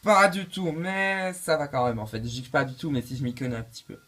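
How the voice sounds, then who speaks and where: A performer voicing a cocky male quiz contestant who gives quick, offhand answers. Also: medium pitch, expressive, a bit bright, close to an everyday voice.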